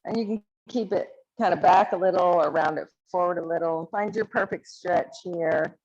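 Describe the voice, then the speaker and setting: A woman leading a yoga class, calmly and encouragingly cueing each pose and stretch. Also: on the low side, moderate pace, husky, highs cut off. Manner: calm, encouraging cueing of poses. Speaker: yoga instructor. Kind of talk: guided yoga class instruction.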